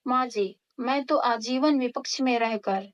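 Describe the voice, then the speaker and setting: A woman voicing a cheeky, lazy young daughter-in-law who makes sly, deadpan comebacks. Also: on the high side, unhurried, dull audio, natural voice.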